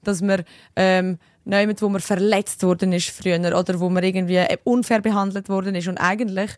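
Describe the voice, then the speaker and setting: A woman co-hosts a casual podcast interview. She asks probing, empathetic questions and speaks frankly. Her voice is at a medium pitch and recorded dry. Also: steady tone, brisk, dry recording. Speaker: podcast co-host.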